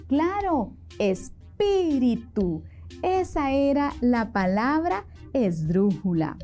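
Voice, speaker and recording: A woman teaching a televised class for children, asking questions and encouraging them in a lively way, with a Costa Rican accent. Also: a little high.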